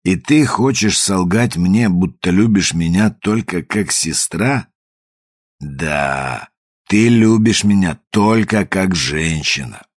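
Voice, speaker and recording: A man reading the lines of a tormented, obsessed lover in a novel, with a husky, low voice. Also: expressive, slow pace, exaggerated voice. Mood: bitter, feverish.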